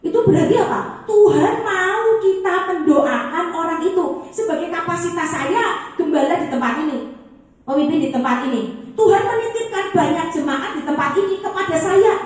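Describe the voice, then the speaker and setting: Woman pastor with a lilt, high and lively sermon delivery, heavy hall echo. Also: moderate pace. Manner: animated preaching, acting out prayers in a pleading voice. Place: church. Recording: very echoey church hall.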